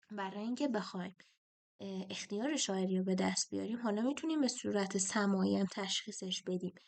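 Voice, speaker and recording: A woman teacher talking students through a poetry test question, chanting the meter feet slowly. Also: on the high side, vocal fry.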